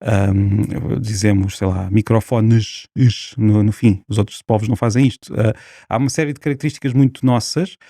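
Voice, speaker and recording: A man's voice: on the low side, fairly even intonation, brisk, mellow, dry recording, studio quality. A man with a European Portuguese accent, a linguist guest on a podcast, explaining at length with many fillers and restarts.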